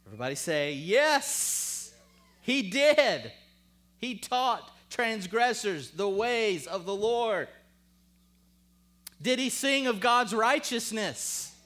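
With lively intonation but a slow pace, a pastor preaches an emphatic, rhetorical sermon that calls on the congregation, shifting to a hushed voice while reading scripture.

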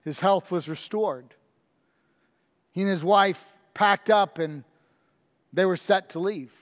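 A man with a high voice delivers a sermon at an unhurried, deliberate pace. He tells a story earnestly and presses his points home through repetition, while his words ring out with the long reverb of a church hall. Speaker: pastor.

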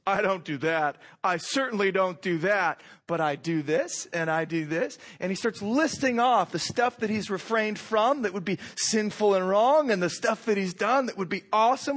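A man giving an informal sermon as a pastor, conversational and repeating phrases for emphasis, his voice froggy and hoarse with a cold. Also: sits high, animated, normal speed, hardly any pauses, a bit bright. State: hoarse from a cold, clearing throat. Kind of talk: sermon, informal teaching with scripture reading.

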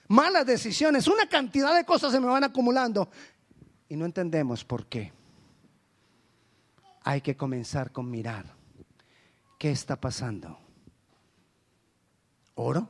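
High-voiced preaching pastor. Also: male voice. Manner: preaching with sudden swings between loud exhortation and low quiet asides. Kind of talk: sermon.

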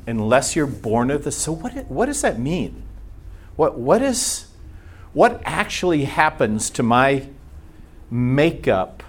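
Here an American man leading a Bible class delivers a casual teaching talk to church members in a mid-range voice. Along the way he asks rhetorical questions and acts out how people might react.

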